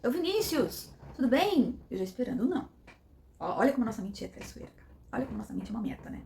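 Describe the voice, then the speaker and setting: A woman's voice: medium pitch, rapid-fire, vocal fry, mellow, slight background noise. A middle-aged woman, telling a personal story with emotion and acting out the dialogue. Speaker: vlogger.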